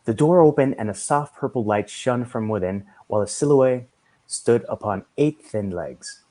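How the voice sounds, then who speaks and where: A man reading a story aloud in a measured storytelling manner. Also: mid-range voice, mellow. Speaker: reader.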